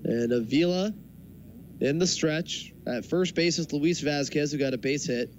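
A man doing live baseball commentary in measured, short phrases with pauses, as the play-by-play announcer. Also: fairly high pitch. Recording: clear background noise from a ballpark. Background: ballpark ambience.

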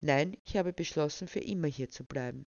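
A woman voicing a calm young man who speaks coolly and curtly, in a dull, dry recording. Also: low voice, brisk, no echo. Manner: cool and curt.

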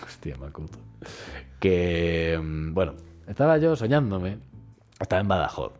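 A man's voice: low-pitched, a little slow, faint music behind. A man, co-hosting a casual chat podcast and telling a dream story, acting out the crowd's voices. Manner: animated storyteller, acts out crowds. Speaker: podcast co-host.

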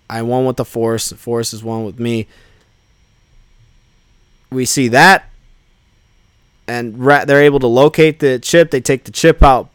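A man hosting a podcast, casually recapping an episode in an excited, rambling way with many fillers. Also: mid-range voice, smooth, no echo, studio quality. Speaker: podcast host.

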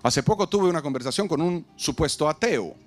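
Animated pastor preaching outdoors. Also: male voice, fairly high pitch, fairly quick, soft background music. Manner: animated, humorous, acts out dialogues, asks the crowd to repeat. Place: outdoors in a parking lot.

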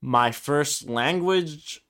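A Brooklyn-born man in his twenties who speaks Spanish hosts a solo casual podcast, rambling and self-deprecating with lots of ums and restarts. His voice is a little high and a bit bright, and he draws out his words.

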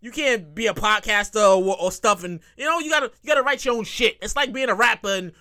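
His voice sits high and moves quickly as he hosts a relaxed one-man podcast. The man, in his thirties, repeats himself, curses, rambles, and lively acts out quotations.

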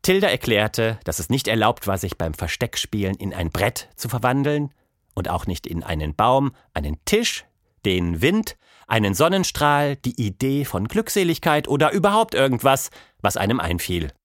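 A man narrating a children's audiobook in an expressive storytelling manner. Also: mid-range voice, normal speed, no room sound, clean studio sound.

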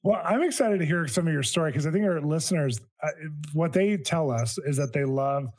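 A man hosting a faith podcast, talking with excitement and gushing praise about his guest. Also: medium pitch. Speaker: podcast host. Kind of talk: enthusiastic interview and intro.

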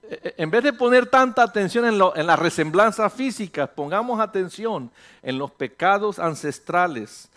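Pastor, man, high voice, lively sermon delivery, rhetorical questions, slips into English now and then. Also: moderate pace. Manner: animated, rhetorical questions, voices imagined listeners; mixes in English phrases.

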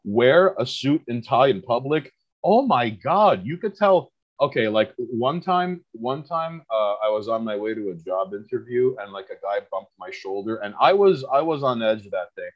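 Queens man in his thirties, mid-pitched, rambling profane podcast guest, slightly muffled lo-fi audio. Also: lively intonation, normal speed. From Queens, New York. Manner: rambling, profane storytelling with stammered restarts. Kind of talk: casual podcast chat.

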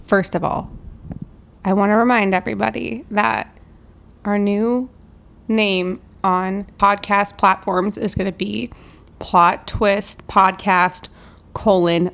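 A woman's voice: medium pitch, steady tone, slow pace, vocal fry, fairly bright tone. A woman co-hosting a podcast, explaining things in an informal, conversational way. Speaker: podcast co-host. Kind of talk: casual explanatory chat.

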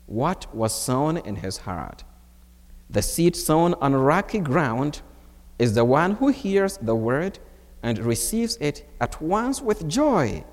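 A male priest from Ghana preaches a homily at Mass, speaking slowly and in a measured way with wide swings of pitch. The church recording has long reverb.

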